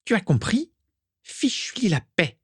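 A man's voice: sits high, big pitch swings, a little slow, a bit bright, husky, dry recording, studio quality, pitched above the performer's own voice, heavily acted. A man voicing a haughty, spiteful teenage schoolgirl who sneers with disdain in an audiobook reading. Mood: spitting. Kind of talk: audiobook character voice.

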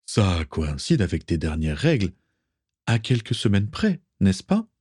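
A man doing a calm ship's doctor. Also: low voice, unhurried, slightly rough, no echo, clean studio sound, full character voice.

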